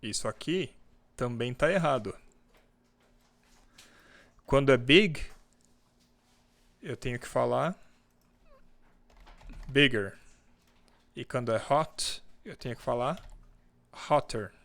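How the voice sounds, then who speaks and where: A man from Brazil teaches an online English class in Portuguese, speaking slowly and patiently and stretching out each English example word. His voice sits at a middle pitch and comes through a computer mic on a video call, with keyboard typing behind him. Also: vocal fry, a bit bright. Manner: slow and patient, drawing out English example words.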